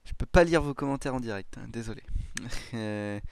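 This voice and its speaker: A man's voice: mid-range voice, normal speed, clean tone. A man giving casual let's-play commentary, thinking aloud with hesitant, self-mocking remarks and frequent chuckles. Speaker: gaming YouTuber.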